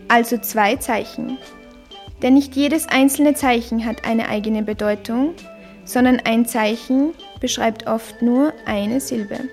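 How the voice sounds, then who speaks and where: High-voiced woman teaching slowly. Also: darkish tone. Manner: deliberate, carefully sounds out syllables and tones. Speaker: language teacher. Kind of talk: explanatory language lesson.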